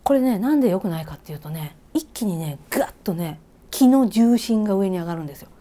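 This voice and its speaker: A reiki teacher with a Kansai accent gives a casual spoken lesson, her mid-range voice animated and quick. She puts questions to the listener and drops in soft whispered asides.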